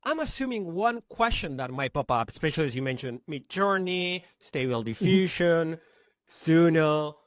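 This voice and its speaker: Man from argentina, podcast host, relaxed questions, slightly high voice, dry. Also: normal speed, dry recording. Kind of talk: casual interview chat.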